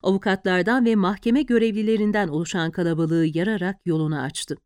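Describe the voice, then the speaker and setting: A woman narrating an audiobook in a steady, even storytelling manner. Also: medium pitch, fairly quick, smooth, no echo, studio quality.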